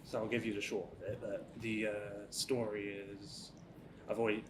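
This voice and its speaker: A male culinary student talking in a relaxed, rambling way. His fairly low voice is picked up from a distance, with clear room noise around it. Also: moderate pace. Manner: easygoing, rambling, a little laughing. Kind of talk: casual interview chat.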